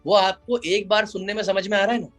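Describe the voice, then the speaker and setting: Man explaining lawyering, soft music behind. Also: high-pitched, steady tone, fast. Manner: explanatory, mixes English phrases into Hindi. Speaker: advocate and IP lawyer. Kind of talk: podcast interview answers.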